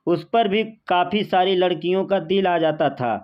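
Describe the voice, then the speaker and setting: A woman reading a first-person story as scripted narration in a slow, even, plain way. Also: lowish voice, dull audio.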